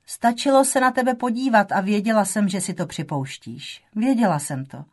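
A woman's voice: mid-range voice, darkish tone, lightly acted. A woman voicing a grown daughter who confesses in a hesitant, trembling way in an audiobook. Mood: shaken. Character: adult daughter, shaken and confessing.

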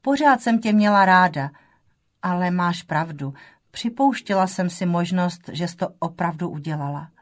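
A woman's voice: on the low side, animated, lightly acted. A woman voicing a grown daughter who confesses in a hesitant, trembling way in an audiobook. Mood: shaken. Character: adult daughter, shaken and confessing.

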